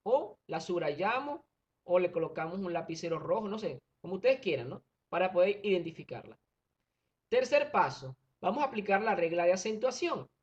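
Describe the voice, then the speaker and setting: A man's voice: high-pitched, big pitch swings, moderate pace. Patient male teacher, dull lo-fi audio. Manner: patient step-by-step explaining, frequent checking tags. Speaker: primary school teacher. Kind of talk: recorded online grammar lesson. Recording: dull lo-fi recording.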